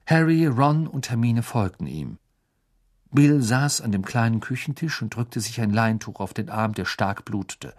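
Expressive male audiobook narrator. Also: medium pitch. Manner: expressive, measured reading. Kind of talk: scripted storybook narration.

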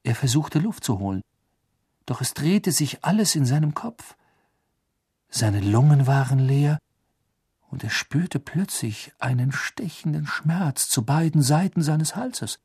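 A man reading a novel aloud as an audiobook narrator, telling the story in a lively way and voicing the characters' quotes. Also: on the high side, unhurried, breathy edge, no echo, studio quality.

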